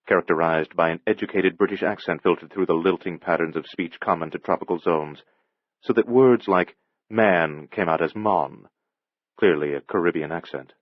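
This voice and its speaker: Deep-voiced man narrating a thriller. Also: moderate pace, dry recording, highs cut off. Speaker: audiobook narrator. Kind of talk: scripted narration.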